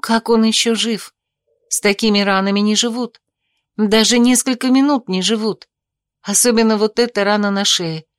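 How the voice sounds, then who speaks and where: A woman narrating a first-person audiobook in a steady, even reading voice. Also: medium pitch, no room sound, studio quality.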